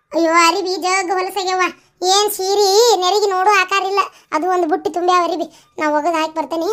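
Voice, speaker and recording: A woman with a North Karnataka accent performing a village family comedy sketch, bickering in a lively, animated way. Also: very high voice. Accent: North Karnataka Kannada. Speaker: comedy vlogger.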